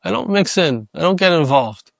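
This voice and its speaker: A man quoting an old grandmother with a Yiddish accent, speaking in a calm, firm, drawn-out way. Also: on the high side, gravelly, no echo. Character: old grandmother calmly watching quarreling children.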